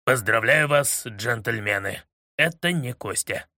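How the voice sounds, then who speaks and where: Man reading as a gruff commanding general. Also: medium pitch, lively intonation, slow pace, bright, forceful tone, dry recording, studio quality, voice pushed down, full character voice. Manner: commanding, theatrical. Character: gruff blustering male general. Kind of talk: audiobook character reading.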